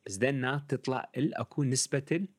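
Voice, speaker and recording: A man with an Iraqi Arabic accent who mixes English words and phrases into his Arabic, coaching in a casual, conversational way with a slightly husky voice. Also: mid-range voice, normal speed, no echo.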